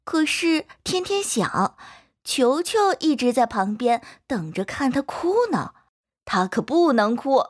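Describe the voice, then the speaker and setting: Woman, children's story narration, gentle and expressive, fairly high pitch, slow.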